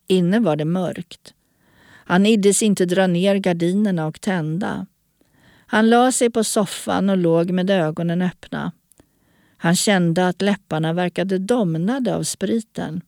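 A woman narrating an audiobook story in a calm, even storytelling manner. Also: lowish voice, gravelly, dry recording, studio quality.

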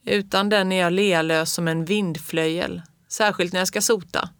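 A woman's voice: on the low side, steady tone, no echo, clean studio sound, lightly acted. A woman reading a storybook aloud, voicing a playful, teasing old male chimney sweep. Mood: cheerful.

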